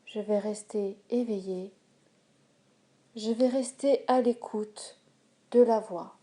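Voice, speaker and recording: In a mid-range voice, a woman guides a yoga nidra relaxation as the instructor. Her instructions are calm, measured and soothing, with pauses between them.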